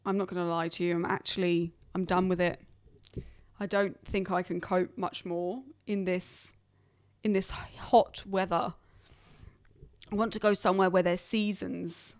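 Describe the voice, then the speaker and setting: A young woman from England casually hosts her podcast alone, rambling, chatting and putting herself down. Her voice is on the low side, captured with clean studio sound and no echo, indoors in a hot, humid region.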